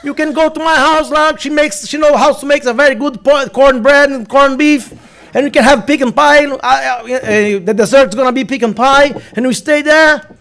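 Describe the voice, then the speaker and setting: A man voicing a jovial male immigration officer who teases and jokes in a chummy, drawn-out way. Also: very high voice, a bit bright, pitched above the performer's own voice. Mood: teasing.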